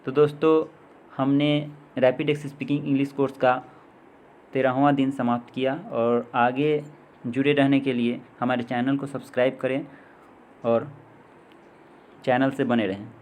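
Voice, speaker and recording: A man teaching an English vocabulary lesson, reading each word slowly and then giving its meaning. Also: medium pitch, little pitch movement, a little mellow, slight background noise. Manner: slow, deliberate, reads word then meaning. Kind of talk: slow read-aloud vocabulary lesson.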